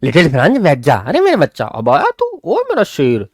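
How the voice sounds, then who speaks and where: Guy doing a sweet old-school teacher voice, coaxing and fond, high and bouncy, dry sound. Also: sing-song, normal speed, no echo. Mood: affectionate. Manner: coaxing, fond, calls the boy pet names. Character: kind, affectionate male schoolteacher, middle-aged.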